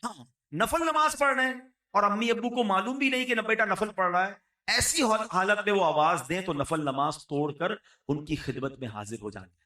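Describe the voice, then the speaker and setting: A man delivers an earnest sermon, his voice high and bright. He swings between raised and hushed delivery. The sound is echoey and set back from the microphone. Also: far from the mic. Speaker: preacher. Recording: echoey room, voice off the mic.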